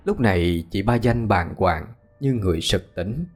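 A man narrating a ghost story in a slow, somber way. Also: fairly low pitch, animated, faint music behind.

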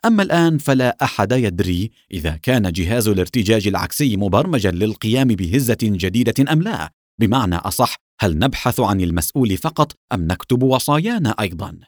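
A man's voice: on the low side, very animated, fast, no echo, studio quality. A man reading the lines of an impatient, indignant male engineer in a storybook. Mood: grave. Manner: curt and indignant.

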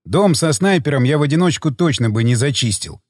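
A man voicing a steady, good-natured male soldier with a calm, friendly manner. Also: a little high, a little fast, dry recording, clean studio sound, big-room sound.

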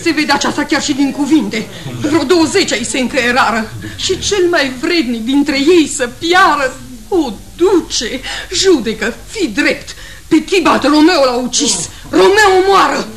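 A woman's voice: high-pitched, lively intonation. A grieving, vengeful noblewoman. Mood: bitter accusation. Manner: sobbing, pleading declamation. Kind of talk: radio play acting.

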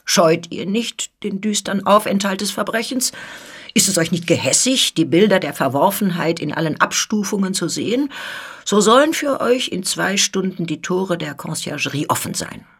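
A woman's voice: mid-range voice, lively intonation, moderate pace, breathy edge. A woman reading the part of a stern older male police president, menacing and insinuating, in a radio reading of a story. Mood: coldly accusing.

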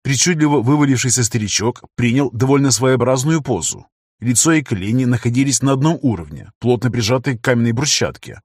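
A man narrates an audiobook with a wry, storytelling touch. His voice is husky and mid-pitched. The recording is dry and close. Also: animated, a little fast, a little mellow, no room sound.

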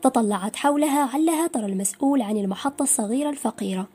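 A woman narrating a romance novel audiobook in a measured, even storytelling manner. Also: a little high, husky, soft background music.

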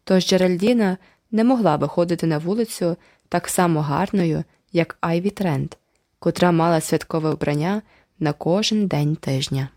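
A woman narrating a novel in a measured storytelling voice. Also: on the low side, a little mellow, no echo, studio quality. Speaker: audiobook narrator. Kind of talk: scripted narration.

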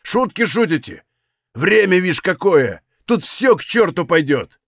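A man voicing a small, spiteful, hotheaded Cossack who shouts and quarrels. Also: high-pitched, very animated, unhurried, gravelly, dry recording, studio quality, voice pushed up, exaggerated voice. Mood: heated shouting.

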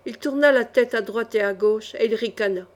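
A woman with a somewhat high voice narrates an old-fashioned swordfighting novel. Her reading is measured and expressive, shaping each sentence for the listener. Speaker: audiobook reader. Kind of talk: scripted narration of a swashbuckling novel.

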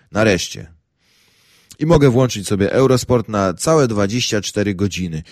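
Brief: young male narrator, deep voice, wry and ironic comic reading, dry close-mic studio sound. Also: a little mellow, no room sound. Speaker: audiobook narrator. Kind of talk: first-person humorous narration.

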